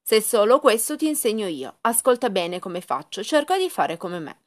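A woman's voice: mid-range voice, sing-song, normal speed, voice pushed up, close to an everyday voice. A woman voicing a cheerful male cuckoo bird who teaches kindly, in a sing-song manner. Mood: coaxing.

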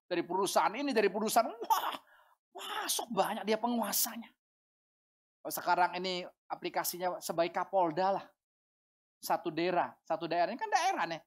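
A woman pastor preaching a sermon, animated and rising to shouts for emphasis. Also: medium pitch.

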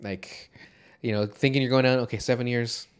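Man, podcast co-host, casual movie chat, profane, rambling, jokey, middle pitch. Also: steady tone, moderate pace, smooth.

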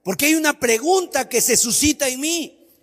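A man's voice: very high voice, lively intonation, moderate pace, fairly bright tone, in a large hall. A man preaching a sermon, emphatic, asking many rhetorical questions and acting out the voices he quotes.

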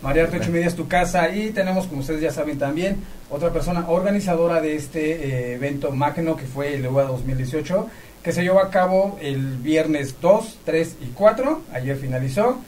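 A fairly high-voiced man presents a live event as its host, effusive and courteous. He is recorded at some distance from the microphone, with faint noise in the room. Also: fairly quick, a little mellow. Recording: distant mic, noisy room ambience.

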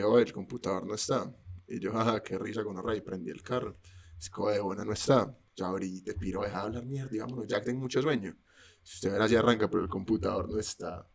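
A man's voice: fairly low pitch, vocal fry. A young man, co-hosting a casual chat and telling a rambling, joking anecdote full of slang.

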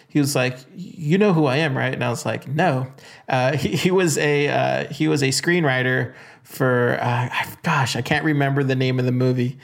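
A young adult man hosting a podcast, telling stories casually and rambling with many fillers and restarts. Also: fairly high pitch. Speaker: podcast host. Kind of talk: casual solo podcast talk.

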